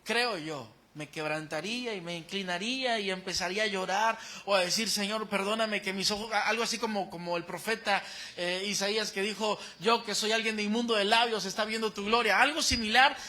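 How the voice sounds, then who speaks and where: A man preaching a sermon as pastor, animated and calling the congregation to repeat phrases after him. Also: high-pitched, a little fast.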